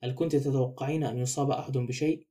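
A man reading the lines of a fussy, thoughtful middle-aged male detective in an audiobook, in a measured, reflective way. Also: medium pitch, steady tone, warm tone, close to an everyday voice. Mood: calm, probing.

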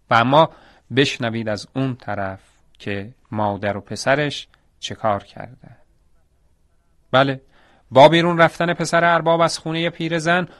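A man's voice: medium pitch, no echo. Male folk-tale storyteller, dry close voice. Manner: warm, dramatic, addresses listeners directly. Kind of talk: audio folk-tale narration.

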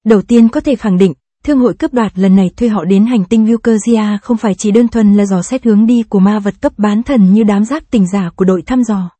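A woman narrates a fantasy audiobook in an even, steady read. Her voice is mellow and warm with a husky, breathy edge, and the recording is dry and close with no room sound. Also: mid-range voice, fairly quick, few pauses, no room sound. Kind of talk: scripted narration.

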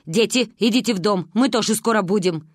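A woman reading aloud and voicing a sharp-tongued, stern old grandmother who gives curt orders. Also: medium pitch, brisk, no echo, clean studio sound, lightly acted. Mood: commanding. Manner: caustic, commanding.

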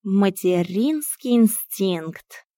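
A woman voicing a wise, sardonic old male talking cat who speaks in a slow, stern, mocking drawl. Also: mid-range voice, no room sound, clean studio sound, natural voice.

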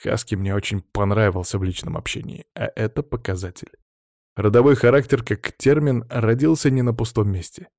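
Give me a measured male audiobook narrator with a dry, close sound. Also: lowish voice, fairly even intonation, vocal fry, darkish tone, no room sound. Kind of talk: audiobook reading.

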